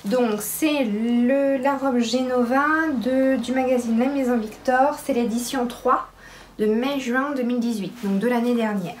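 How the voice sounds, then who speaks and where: A pregnant woman chatting casually to camera about her sewing, with many pauses and restarts. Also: fairly high pitch, steady tone, a little mellow, slight background noise. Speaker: sewing vlogger.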